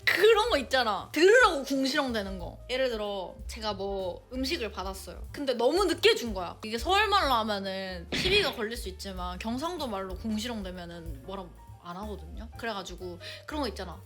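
A young woman streamer chatting casually, reacting with quick exclamations and teasing remarks. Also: medium pitch, big pitch swings, fairly bright tone. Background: background music.

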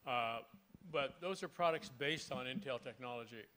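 Bright-toned male panelist, halting. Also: medium pitch, a little hiss or hum. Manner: hesitant, many fillers. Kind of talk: panel discussion.

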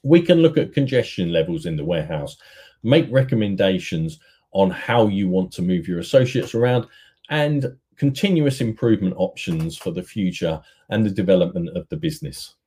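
A middle-aged man giving a steady, rehearsed sales presentation at an online conference, talking to his webcam from an indoor room. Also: low voice, moderate pace, breathy edge. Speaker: business development manager.

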